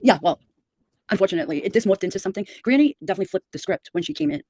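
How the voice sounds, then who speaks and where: A woman's voice: mid-range voice, animated, very fast, a little mellow, dry recording, clean studio sound. A middle-aged woman chatting casually and giving opinionated gossip on a livestream.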